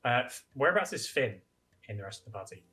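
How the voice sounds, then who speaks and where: Bright-voiced hesitant male player. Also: mid-range voice, very animated, fast. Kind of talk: tabletop game play.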